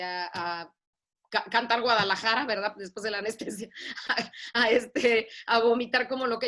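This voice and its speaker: Lively Mexican woman telling her story. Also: a little high. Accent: Mexican Spanish. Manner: lively storytelling, acts out voices, laughs often. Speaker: pastor and author sharing testimony. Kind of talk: personal testimony on a video call.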